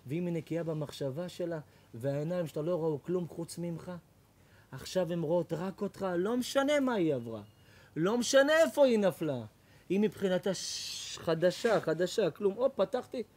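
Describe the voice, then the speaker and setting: Fiery high-voiced rabbi preaching. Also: male voice. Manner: animated, loud, repetitive, mocking. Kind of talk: sermon. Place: lecture hall.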